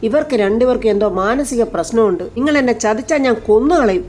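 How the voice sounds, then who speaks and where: Wronged, distraught woman, read by a woman narrator; accusing and pleading, slightly high. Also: animated, fast talker, darkish tone, a little hiss or hum, close to an everyday voice. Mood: upset. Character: distraught middle-aged woman, tearful and angry.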